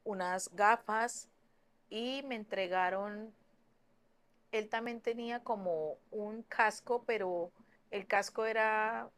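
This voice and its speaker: Young woman recounting what happened to her, earnest and halting, mid-pitched voice. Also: a bit bright. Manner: earnest, with halting restarts and fillers. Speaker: storyteller. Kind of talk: personal story told to camera.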